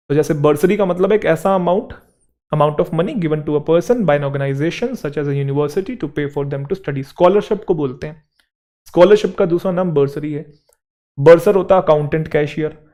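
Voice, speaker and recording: Man, vocabulary teacher, fairly high voice, explains and checks understanding. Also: darkish tone. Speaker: English teacher for exam students. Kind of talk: vocabulary lesson.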